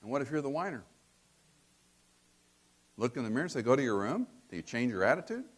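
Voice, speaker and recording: A man's voice: medium pitch, big pitch swings, quick pace. An older man preaching a sermon, asking rhetorical questions and acting out quotes.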